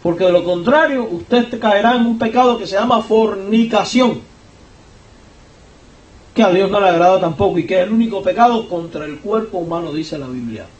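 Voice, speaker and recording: A pastor with a Cuban Spanish accent preaches a sermon in a high, emphatic voice, rising in pitch and volume to stress his points, at a moderate pace and a little mellow. He sits back from the microphone in a church sanctuary, so his voice arrives from far off amid the echo of the hall. The audio is dull.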